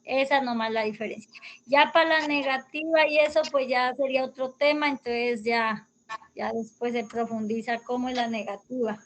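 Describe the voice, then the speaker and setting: Lady teaching english on a video call, high voice, goes slow and patient with lots of ahá and entonces. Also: steady tone, slight background noise, rough recording. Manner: patient, explains step by step with many fillers. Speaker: English tutor. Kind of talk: online English lesson, explaining grammar.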